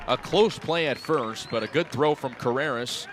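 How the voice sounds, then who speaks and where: Over music and a background crowd, a young man with a medium-pitched voice delivers live radio baseball commentary at a moderate pace. His phrases are short and clipped, and his excitement mounts with each play.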